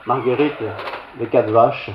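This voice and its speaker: An older pastor with a Belgian French accent tells a homely, self-mocking story from his childhood during a storytelling sermon in a church hall. He speaks slowly at medium pitch with fairly even intonation. The roomy church recording sounds slightly dull, with a little hiss or hum.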